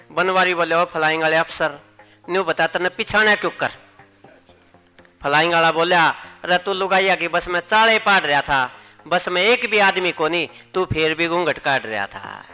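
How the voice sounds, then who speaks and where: High, bright-voiced Haryanvi comic poet. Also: male voice, low-quality recording. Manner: playful, repeats punchlines for the crowd. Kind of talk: comic poetry recital on stage. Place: stage at a poetry gathering.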